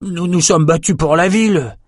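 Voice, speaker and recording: A man's voice: a little high, moderate pace, no echo, pitched above the performer's own voice, lightly acted. A man putting on a sulky young lout in a storybook reading, grumbling and defensive, his voice raised well above his own, recorded close and dry.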